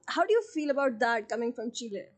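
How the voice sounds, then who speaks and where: A woman from Pakistan hosting a casual podcast interview, animated and teasing, laughing often. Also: on the high side, fast. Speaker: podcast host.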